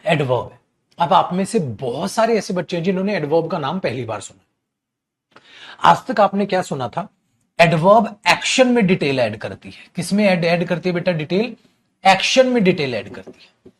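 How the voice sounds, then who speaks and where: A grammar teacher with a Hindi accent gives an online class, his somewhat high voice rising and falling a lot. He explains patiently and fondly calls his students "beta". He keeps asking the class questions and then answering them himself. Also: sing-song, moderate pace.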